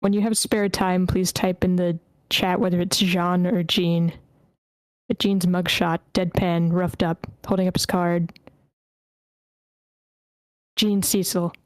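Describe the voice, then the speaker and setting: Woman reading screenplay directions, flat. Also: lowish voice, slow, long pauses, dry recording. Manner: steady reading, stumbles over character names. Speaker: reader of scene directions at a script table read. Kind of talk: reading screenplay action lines aloud. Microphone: computer mic in an online meeting.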